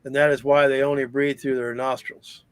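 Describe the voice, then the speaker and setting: A man's voice: mid-range voice, flat delivery, normal speed, clean tone, no echo. A man co-hosting a casual live-stream chat, reading trivia aloud and adding dry jokes. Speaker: live chat co-host reading fun facts.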